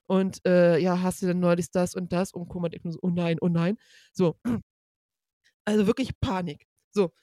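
Brief: woman storyteller, lively, mimics noises, dry close mic. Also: fairly low pitch, normal speed, no echo. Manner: lively, acts out quotes and sound effects. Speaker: podcast guest. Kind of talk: animated storytelling.

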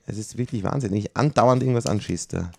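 A man's voice: fairly low pitch, fast, creaky, slight background noise. A middle-aged man, chatting casually with his child while they play a video game, grumbling and easily exasperated. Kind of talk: casual let's-play chat.

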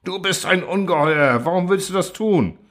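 Man doing a flustered male robot constructor, pleading, protesting, high swinging pitch. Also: animated, moderate pace, a bit bright.

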